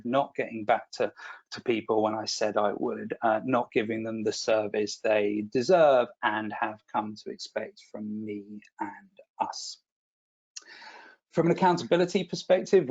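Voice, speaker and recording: Chatty man presenting a webinar, slightly muffled. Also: mid-range voice. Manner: chatty, self-deprecating, repeats words when restarting.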